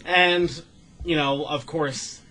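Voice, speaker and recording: A man's voice: fairly high pitch, steady tone, takes it slowly, sharp tone, slight background noise. A man hosting a casual chat who retells scenes with enthusiasm and acts out the quotes.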